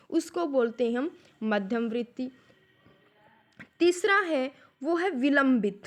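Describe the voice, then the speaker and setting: A woman teacher lecturing her students, asking rhetorical questions and explaining each point slowly and deliberately. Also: high voice. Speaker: Hindi literature lecturer. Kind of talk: classroom lecture.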